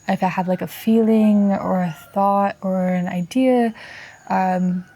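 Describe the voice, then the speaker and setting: Young woman with a gravelly, mellow voice. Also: medium pitch, takes it slowly. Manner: relaxed, rambling, thinking aloud with many fillers. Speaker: vlogger. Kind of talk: casual chat while drawing. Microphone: close microphone.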